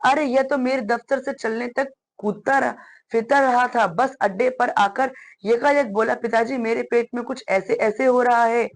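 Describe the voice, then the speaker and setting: A woman's voice: steady tone, normal speed, close to an everyday voice. A woman reading aloud and voicing a worried middle-aged father who frets over his son. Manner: anxious, explaining at length, raised pitch.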